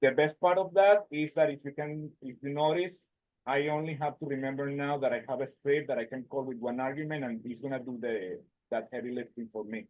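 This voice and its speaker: A man's voice: medium pitch, steady tone. A man walks through a live tech demo, his voice muffled as though it came through a wall. He often stumbles and repeats words, and the audio is thin and phone-like. The sound is dry, with no room echo. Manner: halting, repeats and restarts words. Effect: muffled, as if heard through a wall. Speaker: presenter. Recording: muffled, tinny video call audio.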